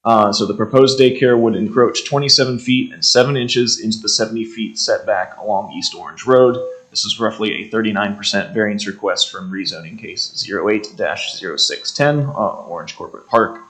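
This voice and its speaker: A man's voice: fairly low pitch, brisk, hardly any pauses, fairly bright tone, rough recording. An American man formally presenting a staff report, methodically reading out details with frequent hesitations. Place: indoor township meeting room.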